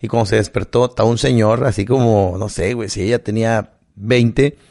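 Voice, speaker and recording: Gravelly Mexican man, crude casual chat. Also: on the low side, steady tone, fairly quick, darkish tone. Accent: Mexican Spanish. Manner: short backchannel replies, crude slang. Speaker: podcast co-host.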